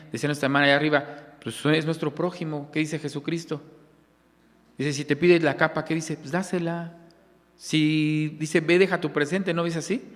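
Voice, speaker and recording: Mexican deacon teaching church class, keeps asking the room then answering, big hall reverb. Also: male voice, fairly high pitch, fairly bright tone. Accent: Mexican Spanish. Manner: asks the audience questions and answers them himself. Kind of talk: church lesson. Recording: long echo of a church hall.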